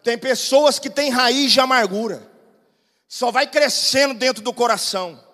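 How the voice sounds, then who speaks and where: A man São preaching a sermon as pastor, swinging between shouted exhortation and quiet storytelling. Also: very high-pitched, unhurried. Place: large church hall. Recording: long church-hall reverb.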